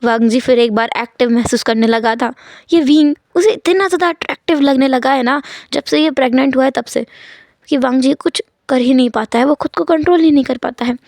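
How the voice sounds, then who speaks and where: Woman storyteller, casual chatty narration, fairly high voice, dry close sound. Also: brisk, a little mellow, dry recording.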